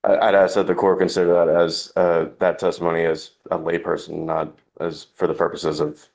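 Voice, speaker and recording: A courtroom recording of a man working as defense counsel. His voice is deep and creaky with flat intonation, and he questions haltingly, often restarting his phrases. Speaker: defense lawyer.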